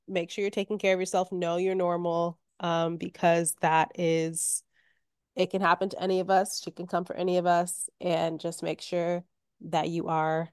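A woman's voice: fairly low pitch, clean tone, dry recording, clean studio sound. Chatty, under-the-weather woman in her thirties. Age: 30s. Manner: chatty, candid. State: sick with covid, hoarse. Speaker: podcast guest. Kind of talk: casual chat.

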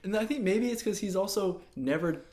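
Guy co-hosting a movie chat, voice a bit high, casual. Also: lively intonation, brisk, darkish tone. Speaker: film podcast co-host.

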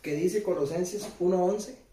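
In a roomy recording made from a distance, a male preacher with a high, warm voice speaks at a measured pace. His sermon is conversational, full of questions aimed at the listeners and repeated phrases.

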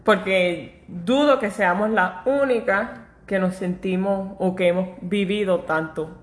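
A woman co-hosts a podcast in relaxed, chatty talk at a middle pitch, telling her story with animation and laughter. She switches into English words here and there. Her voice carries a roomy echo. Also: a little slow. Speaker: podcast co-host. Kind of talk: casual chat.

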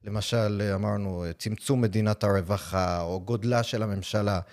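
Low-voiced, halting man with an American accent. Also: steady tone, a little mellow. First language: English. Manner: halting, with frequent drawn-out hesitations. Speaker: podcast host. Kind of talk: podcast interview.

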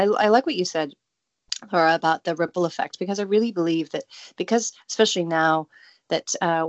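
A woman hosts a radio interview in a bubbly, gushing way, full of fillers and quick laughs. Her voice sits a little low for a woman, and the sound is dry and close, with no room around it. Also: no echo. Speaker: radio show host. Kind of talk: casual interview.

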